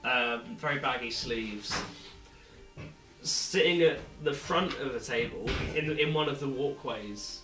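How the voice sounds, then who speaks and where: A man's voice: mid-range voice, takes it slowly, fairly bright tone. A man narrating a tabletop game as game master in a loose, casual way. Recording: echoey room with faint music.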